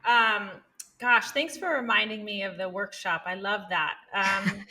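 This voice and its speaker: A woman's voice: mid-range voice, measured pace, sharp tone. A woman psychologist and author, a podcast guest, talking earnestly and animatedly, often checking in with "right?". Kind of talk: conversational interview.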